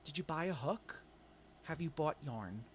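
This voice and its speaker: A man's voice: a little high, lively intonation, measured pace, slight background noise. Chatty man giving a tarot reading. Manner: chatty, coaxing, calls listeners babe. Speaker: tarot reader.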